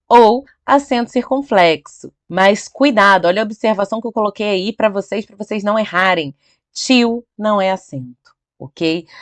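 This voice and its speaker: Speaking at a medium pitch in a room with no audible sound of its own, this middle-aged Brazilian woman presents Portuguese grammar lessons on slides. Chatty by nature, she keeps checking on her audience with "tá?" and "ok?", lingering slowly on key words for emphasis.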